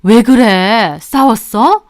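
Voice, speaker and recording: A woman's voice: a little high, extremely slow. A woman voicing a bossy, impatient older mother-in-law who scolds and questions her family. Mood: scolding.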